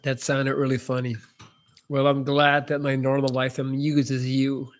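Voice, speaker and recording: A young native Dutch speaker hosts a casual live Q&A, reading viewer messages aloud and giving loose answers that keep restarting. His mid-range voice is completely flat and a little slow.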